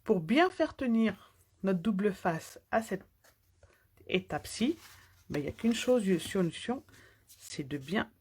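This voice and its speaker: A French papercraft demonstrator chats through a live card-making tutorial while working with her hands, at times dropping almost to a whisper as she concentrates. Her medium-pitched voice has a darkish, breathy edge and big pitch swings, and she speaks unhurriedly with frequent pauses.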